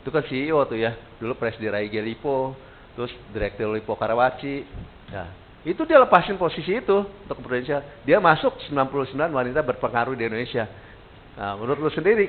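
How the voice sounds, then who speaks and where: A man leads a training session in a relaxed, conversational way. He keeps turning questions back to his listeners. The recording sounds thin and tinny, with a light hiss under it. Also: mid-range voice. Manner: casual, animated, quizzes the audience. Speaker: sales trainer. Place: training room.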